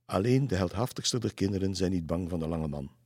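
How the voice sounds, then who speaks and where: Teasing, boastful schoolboy, read in a man's low voice. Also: expressive, a little fast, darkish tone, husky, no room sound, studio quality. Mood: boasting. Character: cocky schoolboy who teases.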